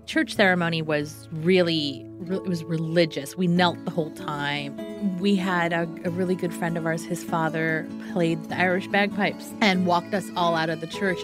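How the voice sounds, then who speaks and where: A woman telling her own story as an interview guest, reflective and earnest. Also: on the low side. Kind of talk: personal storytelling.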